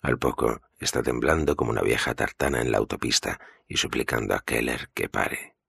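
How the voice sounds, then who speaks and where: A man narrates a thriller audiobook in a steady, grave voice. His tone is extremely deep, heavily gravelly and husky, with a bright, sharp edge. The studio sound is dry and close. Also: brisk, no echo.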